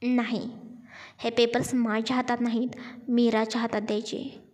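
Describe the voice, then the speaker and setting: A woman's voice: on the high side, flat delivery, normal speed, a little mellow, lightly acted. A woman reading a furious, possessive young male boss in a storybook drama, speaking in a stern, commanding way. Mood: angry.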